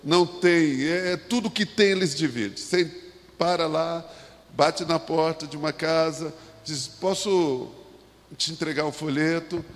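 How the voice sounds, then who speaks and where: A man with a Brazilian Portuguese accent preaching a sermon as a pastor in a church, talking in a halting way with restarts and asides. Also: fairly high pitch. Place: church sanctuary. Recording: long hall reverb.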